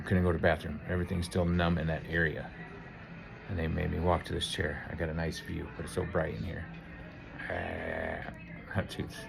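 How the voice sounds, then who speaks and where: A man's voice: deep voice, vocal fry. A man in his fifties recording a nervous, rambling video diary on his phone, first from a car and then from a hospital room. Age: 50s. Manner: nervous, rambling, self-deprecating. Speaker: vlogger.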